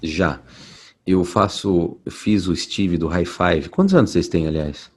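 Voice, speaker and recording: A man, a voice actor being interviewed, telling stories in a relaxed way from home. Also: sits low, measured pace, husky. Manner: relaxed storytelling, many restarts. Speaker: voice actor guest. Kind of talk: casual interview talk. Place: at home at night.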